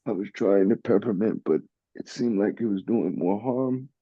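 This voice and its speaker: A man speaking softly and hesitantly in an online group. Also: fairly low pitch, normal speed, no room sound. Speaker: group member. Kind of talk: casual talk in an online group. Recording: dull lo-fi video call audio.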